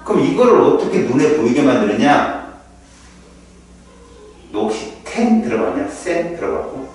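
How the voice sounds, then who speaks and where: A man tutoring a student in chemistry in an informal one-on-one session, explaining lively with rhetorical questions. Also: mid-range voice, normal speed, slight background noise. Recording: echoey room, heard from a distance.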